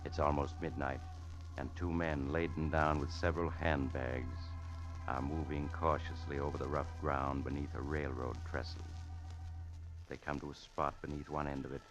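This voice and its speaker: An actor playing a sinister, suave mystery storyteller in a 1940s radio drama, theatrical, measured and ominous. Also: male voice, rumbling low, level tone. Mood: hushed, ominous. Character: sinister, suave mysterious male storyteller, genial but macabre. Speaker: host-narrator of radio mystery. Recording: muffled, noisy old radio broadcast with music.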